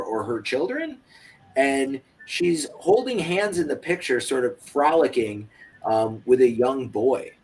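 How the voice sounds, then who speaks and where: A man running a tabletop game, narrating in a casual, halting way with many small fillers. Faint music plays behind him. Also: mid-range voice. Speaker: game master.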